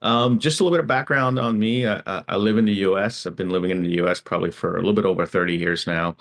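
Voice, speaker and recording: A middle-aged man from Guyana, a tech futurist guest in an interview, talking in a relaxed way with many fillers. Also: deep voice, fast. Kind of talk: conversational interview.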